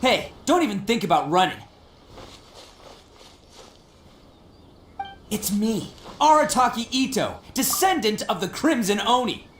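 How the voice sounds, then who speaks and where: A man's voice: high voice, very animated, normal speed, a little hiss or hum. A man voicing a brash, cocky oni demon fighter in a video game, with boastful, informal delivery. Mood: battle-ready bravado. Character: brash, cocky male oni demon brawler, young adult. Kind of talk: English video game voice acting. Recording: roomy sound with game music behind.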